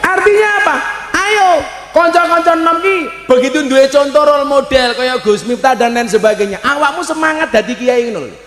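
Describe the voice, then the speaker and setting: Joking Javanese preacher in an echoey hall. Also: male voice, very high voice, moderate pace. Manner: joking, bursts into loud emphatic shouts. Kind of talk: humorous live sermon. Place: large hall at a live religious gathering. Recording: echoey hall with long reverb.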